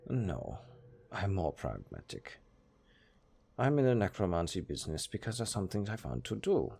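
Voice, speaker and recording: With a low, gravelly, slightly mellow voice, a man voices a former tailor turned necromancer in an intimate audio roleplay, chatting in a pragmatic, matter-of-fact way about gruesome tasks. His delivery is sing-song and exaggerated at a normal speed.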